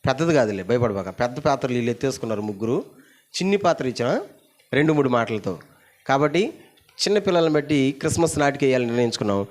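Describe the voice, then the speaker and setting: A male pastor giving a sermon in a church, calling the congregation to repeat his words and to shout them louder. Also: animated, fast talker. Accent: Telugu. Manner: calls the congregation to repeat and shout, pitch climbing loud. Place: church hall.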